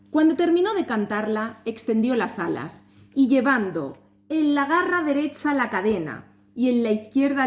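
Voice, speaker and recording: A woman reading a folk tale aloud, expressive and rhythmic, with playful sound words. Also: on the high side. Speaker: storyteller at a talk.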